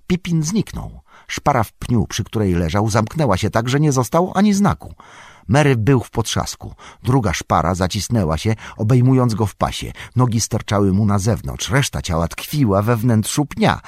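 Deep husky guy reading a story out loud, dramatic, dry close mic. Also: no room sound. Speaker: audiobook narrator. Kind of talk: scripted storybook narration.

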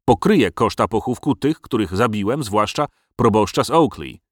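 A man's voice: lowish voice, lively intonation, moderate pace, no room sound, studio quality. A man voicing a cunning, cowardly male dragon who haggles to save his life in a storybook reading. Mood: wheedling. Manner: wheedling, bargaining.

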